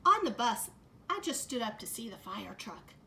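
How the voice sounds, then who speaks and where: A middle-aged woman teacher reading a picture book aloud to children, adding gentle comments as she goes. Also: on the high side, sing-song, gravelly, slight background noise. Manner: slow, gentle storytime delivery with added comments to kids.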